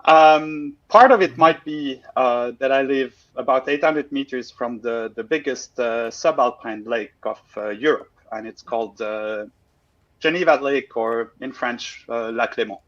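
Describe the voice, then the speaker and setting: A Swiss man with a mid-range, slightly bright voice presents casually as a guest on a livestream, speaking at a measured pace. He's full of fillers and self-deprecating asides, heard through a video call with dull, lo-fi audio.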